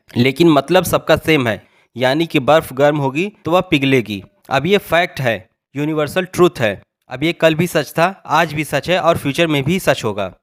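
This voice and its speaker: A man teaching an English grammar lesson, explaining patiently with many repeats and reading the English example sentences out very slowly. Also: a little high. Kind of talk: Hindi-language grammar lesson.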